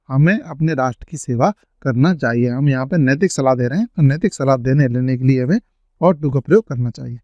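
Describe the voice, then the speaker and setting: A man teaching an English grammar lesson, stretching out each example sentence slowly as he reads it. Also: mid-range voice, warm tone, no echo. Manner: slow, drawn-out reading of example sentences. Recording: dry, dull lo-fi sound.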